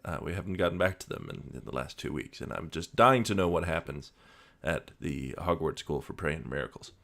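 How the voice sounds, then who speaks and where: A man's voice: rumbling low, a little fast. A man hosting a podcast, joking dryly and reading a story aloud with plenty of fillers. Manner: dry, deadpan joking with many fillers. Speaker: podcast host. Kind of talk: casual chat and read-aloud.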